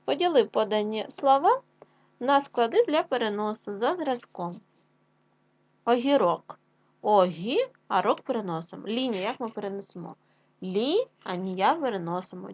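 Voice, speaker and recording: A woman primary school teacher with a Ukrainian accent, leading a classroom lesson and spelling out sounds clearly. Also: medium pitch. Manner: slow, clear, drawn-out dictation with sounds spelled out.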